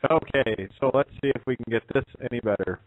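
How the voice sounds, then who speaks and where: A man's voice: mid-range voice, fast talker, no room sound. A male radio show host in loose, filler-heavy chat, his voice breaking up over a bad connection. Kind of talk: casual internet radio chat. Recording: dry, tinny phone-line call.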